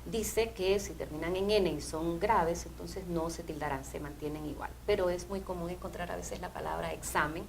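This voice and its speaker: A woman language teacher, explaining grammar rules in a measured way on a TV program. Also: on the low side, gravelly, a little hiss or hum, poor audio. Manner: measured, explanatory, often asks "¿verdad?". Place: TV studio.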